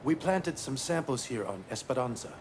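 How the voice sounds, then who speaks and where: A man's voice: mid-range voice, animated, normal speed, a little hiss or hum, natural voice. A man playing an earnest, conciliatory male lab leader in a mystery video game. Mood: explaining. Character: ailing, earnest man who leads a laboratory.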